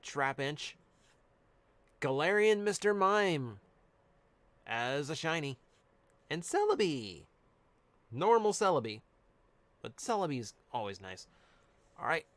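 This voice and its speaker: A man's voice: fairly high pitch, sing-song, slow, pauses often, fairly bright tone, no room sound. A man chatting casually on a live stream, reading out cards and answering chat. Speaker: streamer opening card packs.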